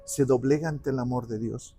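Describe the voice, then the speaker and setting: A man telling a saint's life in conversation, acting out the quoted dialogue with lively shifts. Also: medium pitch, moderate pace, soft background music. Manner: animated, acts out quoted dialogue. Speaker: guest speaker on the parish patron saint. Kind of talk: conversational storytelling.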